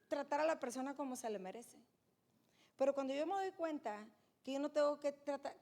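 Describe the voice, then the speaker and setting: A middle-aged woman, giving an animated, emphatic faith testimony as a guest speaker and turning often to her audience. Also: high voice, gravelly.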